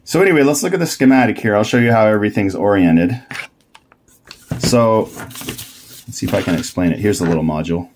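A man with a fairly low voice talks a little fast, pausing often against a noisy background. As a DIY electronics builder and presenter, he gives a casual, unscripted tutorial, thinking aloud, correcting himself and laughing easily at his own mix-ups.

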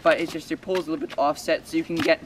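A man's voice: a little high, flat delivery, rapid-fire. A young man explaining ski technique step by step in a casual way, recorded outdoors on a snowy trail. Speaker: ski instructor. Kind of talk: outdoor instructional talk. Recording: distant outdoor mic with noise.

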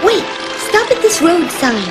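A bossy, impatient young traveller. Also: female voice, very high voice, very animated, unhurried, exaggerated voice. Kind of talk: live-action TV musical comedy acting. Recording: music playing behind.

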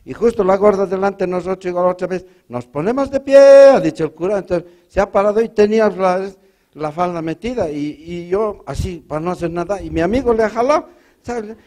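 A man's voice: high voice, brisk, a little mellow. A man from Bolivia with a Bolivian Spanish accent, performing a stand-up routine, telling folksy stories and doing a stutter and other voices for the characters. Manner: storytelling with funny voices and mock stutter. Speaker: stand-up comedian.

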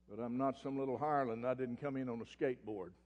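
A Southern US man preaching a fiery sermon as pastor, swinging from loud ranting to quiet scripture reading. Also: medium pitch, fairly even intonation, a little fast, phone-quality sound. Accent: Oklahoma Southern US. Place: church sanctuary. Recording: long church hall reverb.

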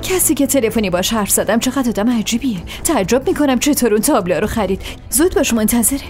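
A woman dubbing a brisk, sharp-tongued female boss in a television drama. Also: a little high, expressive, faint music behind, lightly acted. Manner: brisk and mocking. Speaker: boss at a workplace. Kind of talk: Persian dub of a TV drama.

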